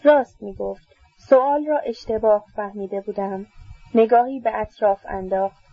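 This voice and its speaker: A woman narrating a novel in a steady storytelling manner. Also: medium pitch, slightly rough, no room sound. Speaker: audiobook narrator. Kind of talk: novel read aloud. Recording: slightly dull dry recording.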